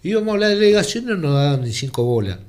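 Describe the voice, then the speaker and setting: A man's voice: fairly high pitch, quick pace. An older man with a Rioplatense Argentine accent, a former teacher and journalist, telling anecdotes as an interview guest and acting out the voices in them. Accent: Argentine Rioplatense Spanish. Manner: animated, acts out the voices in his stories. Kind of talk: anecdotal storytelling.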